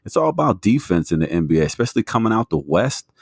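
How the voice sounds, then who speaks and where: A man's voice: deep voice, sing-song, fast talker, darkish tone, husky, dry recording, clean studio sound. A man co-hosting a sports podcast, making his case with stats and lots of fillers. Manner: argues a point with stats, many fillers. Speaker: podcast co-host. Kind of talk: casual sports talk.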